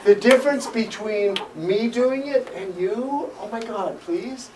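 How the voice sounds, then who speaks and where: Workshop leader, woman, high-ish voice, upbeat and laughing; far-off mic, loud crowd and noise behind. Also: unhurried. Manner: enthusiastic, laughing, cheering. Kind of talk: energetic group coaching.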